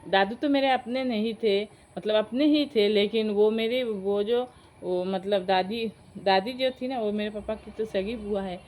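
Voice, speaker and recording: A woman's voice: mid-range voice, measured pace, rough recording. A woman, chattily telling a family story to her viewers. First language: Sylheti Bengali. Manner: chatty, addresses friends, animated retelling. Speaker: vlogger. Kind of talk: casual storytelling.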